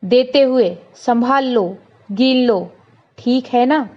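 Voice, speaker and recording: A woman's voice: on the high side, takes it slowly. A woman teacher reading a story aloud and explaining it to her pupils, speaking to them directly. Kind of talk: reading and explaining a school lesson. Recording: dull lo-fi recording.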